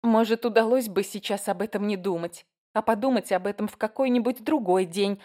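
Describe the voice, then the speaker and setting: A woman's voice: mid-range voice, a little fast, warm tone, voice pushed up, close to an everyday voice. A woman voicing an eager, talkative teenage girl in an audiobook reading. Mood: fussing, chatty. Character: teenage girl, pushy and chattering.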